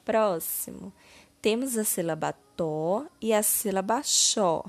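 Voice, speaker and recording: A woman teacher with a Brazilian Portuguese accent going through a children's exercise, stretching each word slowly and clearly. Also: medium pitch, lively intonation. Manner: slow, deliberate, syllable-by-syllable word stretching. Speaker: primary school teacher. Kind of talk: slow, clear lesson narration.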